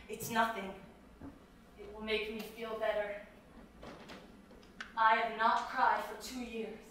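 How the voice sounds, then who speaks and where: A woman acting a distraught, wistful young actress on stage, drifting between hushed and sudden outbursts, taped from far in an echoey theater. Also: fairly high pitch, slight background noise. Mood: sorrowful. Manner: dreamy, wandering, drifting between hush and outburst. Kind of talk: stage play performance. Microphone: distant room mic.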